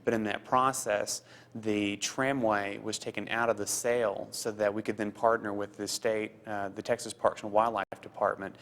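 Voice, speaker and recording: A man in his thirties who grew up in Costa Rica, a foundation program officer answering interview questions earnestly, halting with fillers and repeats. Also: on the low side.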